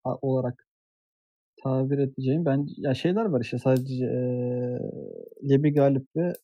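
A man's voice: medium pitch, fairly even intonation, moderate pace, warm tone, no echo, muffled recording. A man chatting casually on a podcast, hesitant, with many fillers and restarts. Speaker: podcast co-host. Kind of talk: casual chat.

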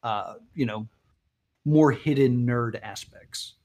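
An animated male comedian chatting as an interview guest, jumping up in pitch when he acts out quotes. His voice sits at a middling pitch and his talk is loose and casual. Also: slow.

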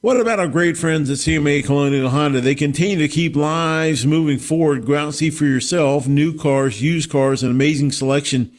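A man's voice: on the high side, fairly quick, few pauses. A man hosting a sports radio show, addressing listeners and reading sponsor messages.

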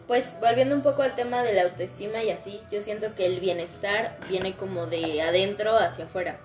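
A woman's voice: medium pitch, brisk, darkish tone. A young woman with a Mexican accent in casual podcast chat, frank and slangy, swearing freely. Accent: Mexican Spanish. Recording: echoey room with faint music.

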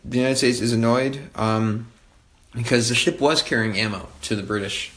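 A man's voice: medium pitch, normal speed, fairly bright tone, echoey room. A man giving a casual history lecture, talking loosely with many fillers and wry asides. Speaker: history tutor.

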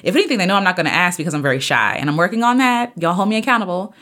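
A woman in her thirties speaks in a slightly low voice as she hosts her own podcast. She talks earnestly and a bit preachily, like a pep talk to her listeners. Her pitch leaps up sharply whenever she stresses a point. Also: racing. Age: 30s. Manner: earnest, preachy, animated with sudden pitch jumps. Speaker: podcast host and singer. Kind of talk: casual motivational podcast monologue.

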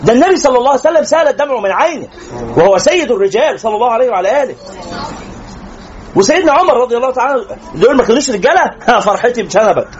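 A man's voice: extremely high pitch, expressive, racing, highs cut off, some chatter behind. A man with an Egyptian accent preaching to young people, joking and teasing the audience as he tells stories. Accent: Egyptian Arabic.

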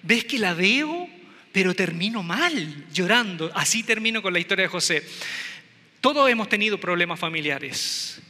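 Bright-voiced preacher in an echoey hall. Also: male voice, high-pitched, expressive, moderate pace. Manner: humorous, conversational, addresses the congregation. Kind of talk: sermon.

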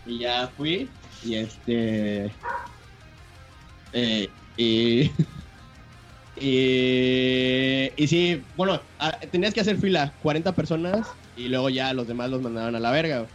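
A young man with a Mexican accent telling a story to friends in casual, slangy chat, excited and swearing freely. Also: mid-range voice, slow pace, highs cut off, faint music behind. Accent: Mexican Spanish.

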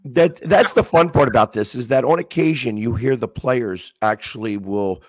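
A man's voice: medium pitch, normal speed, no room sound. A talkative man in casual chat as a sports-fan guest, rambling with many restarts.

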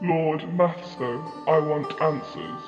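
A man's voice: a little high, slow pace. Defiant female demon, voiced by a man. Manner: insistent, challenging. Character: defiant female demon, questioning her lord. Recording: echoey, reverberant lo-fi with music.

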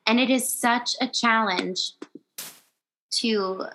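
A woman's voice: on the high side, takes it slowly, background noise. A woman in her thirties hosting a podcast, chatting earnestly and laughing often. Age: 30s. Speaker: podcast host. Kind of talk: casual chat.

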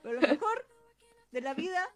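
A woman's voice: high voice, very animated, moderate pace. A woman with a Chilean accent co-hosting a podcast in casual chat, chatty and laughing often. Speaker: podcast co-host.

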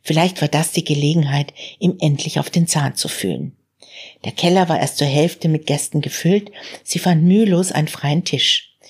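A woman author giving a calm, measured reading of her novel. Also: low voice, slightly rough. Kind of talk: literary reading on stage.

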